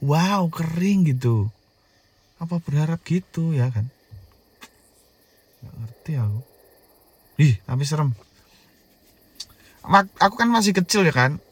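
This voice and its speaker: A man's voice: on the high side, a little slow, long pauses, breathy edge. A man in his thirties with a Javanese accent, telling a childhood horror story in a casual, jokey way. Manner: animated, jokey, swings between hushed and loud.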